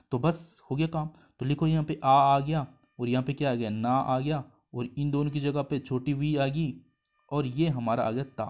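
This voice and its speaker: A man teaching a Hindi grammar lesson in a middle-pitched voice. He breaks each step down and keeps checking whether his listeners follow. He stretches syllables out slowly and says them over. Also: darkish tone. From India. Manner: explains step by step, asks the class questions. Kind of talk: exam-prep lesson.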